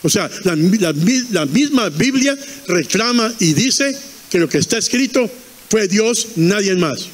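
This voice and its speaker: High-voiced fervent male preacher. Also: lively intonation, unhurried, big-room sound. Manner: fervent, repeating and quizzing the congregation. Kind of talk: sermon.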